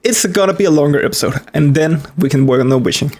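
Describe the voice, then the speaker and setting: An excitable let's-play gamer talking casually and bluntly over the game. The voice sits at a middling pitch. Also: quick pace. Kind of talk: casual gameplay commentary.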